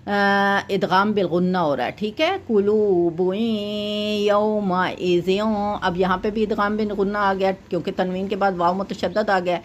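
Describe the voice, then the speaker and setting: A woman's voice: mid-range voice, steady tone, a little hiss or hum. Woman tajweed teacher, patient and methodical, mid-range voice, walks a student through each rule. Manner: patient, explains step by step, often checks in with "okay"; recites verses slowly and drawn out. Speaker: Quran recitation teacher.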